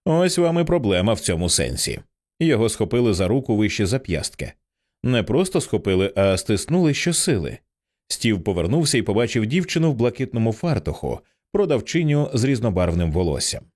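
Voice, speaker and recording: Expressive low-voiced male audiobook narrator. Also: fairly quick.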